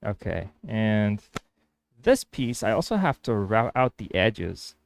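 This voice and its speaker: This is casual workshop vlog narration from a man whose first language is Spanish, musing out loud and restarting hesitantly as he works on a woodworking project. He speaks slowly in a fairly low, sing-song voice with vocal fry. Slight background noise can be heard.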